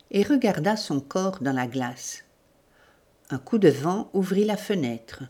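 A woman narrating a literary novel in a measured, deliberate reading. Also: low-pitched, a little mellow, slightly rough. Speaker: audiobook narrator.

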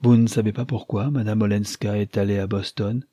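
A man voicing an awkward young gentleman who stammers hesitantly in an audiobook. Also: on the low side, fairly even intonation, brisk, no echo, clean studio sound, natural voice. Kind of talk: audiobook character voice.

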